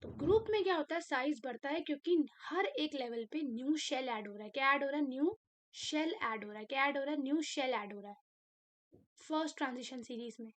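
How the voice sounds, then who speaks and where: A young woman teaching a chemistry lecture, animated and asking her own questions before answering them. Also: high voice, brisk. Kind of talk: classroom lecture.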